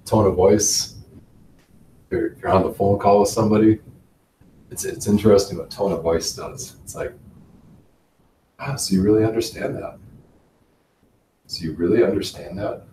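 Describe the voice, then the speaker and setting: A man teaching a business class in a relaxed way, often chuckling and repeating words. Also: low voice. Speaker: instructor. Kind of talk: classroom lecture. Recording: roomy, from far off, faint noise.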